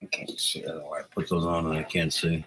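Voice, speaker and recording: A man's voice: very deep voice, little pitch movement, quick pace, a bit bright, a little hiss or hum, rough recording. A man hosting a casual live stream, rambling in a laid-back way and greeting viewers by name, on a small novelty mic. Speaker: livestream host. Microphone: small novelty microphone.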